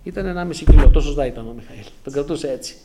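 A man in his forties from Crete, preaching a sermon as he tells a personal testimony, acting out dialogue with lively exclamations. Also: on the high side, noisy background. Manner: animated storytelling with acted-out dialogue and exclamations.

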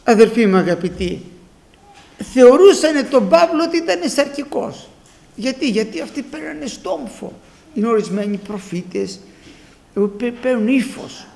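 A man preaching a sermon, telling stories with quoted exchanges and swinging from hushed asides to loud emphasis. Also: extremely high pitch, lively intonation, gravelly.

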